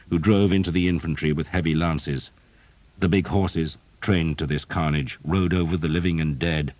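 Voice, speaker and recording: Man, audiobook narrator, very deep voice, steady dramatic storytelling, dry studio. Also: no room sound. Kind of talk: scripted narration.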